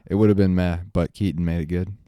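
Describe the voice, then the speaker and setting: A man's voice: deep voice, steady tone, fast talker, mellow, clean tone, no room sound. A man co-hosting a casual movie review chat, opinionated and sarcastic. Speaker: podcast co-host.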